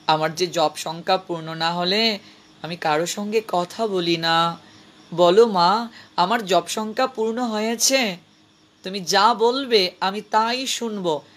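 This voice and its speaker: A man playing a kind old holy man who speaks softly and tenderly, in a gentle, admonishing way. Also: sits high, takes it slowly. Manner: soft, tender, calls her mother.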